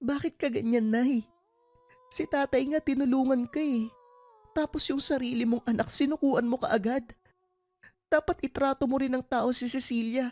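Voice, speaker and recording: A woman's voice: high-pitched, fairly even intonation, normal speed, a little mellow, no echo, natural voice. A woman voicing a young woman who pleads and questions urgently in a dramatized horror story. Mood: pleading, distressed. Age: young adult.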